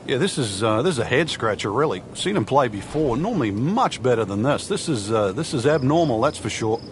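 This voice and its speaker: A man giving conversational golf commentary as the analyst, unhurried and explanatory with dry understatement. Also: medium pitch, expressive, slight background noise, close to an everyday voice.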